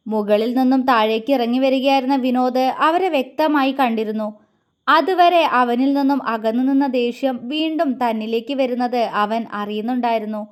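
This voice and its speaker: Woman storyteller, high voice, gentle emotive narration, scripted audio series.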